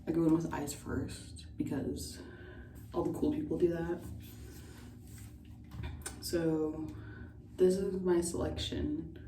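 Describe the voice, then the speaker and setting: Woman vlogger, drunk and giggly, self-deprecating and sweary; slow, mellow delivery with an unhurried ramble. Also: low voice, fairly even intonation. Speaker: beauty vlogger. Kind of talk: casual makeup tutorial chat. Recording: roomy, distant mic, faint noise.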